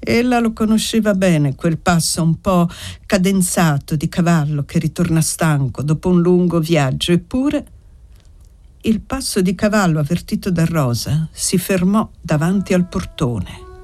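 A woman narrating a literary audiobook in a measured, deliberate way. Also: fairly low pitch, darkish tone. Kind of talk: audiobook reading.

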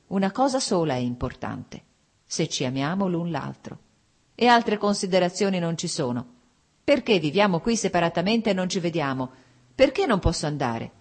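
A proud, defiant young noblewoman of high society, as a woman reader puts her on, her husky voice lifted higher than the narration. She speaks with heated insistence and defends herself point by point, in an audiobook reading. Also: darkish tone, exaggerated voice.

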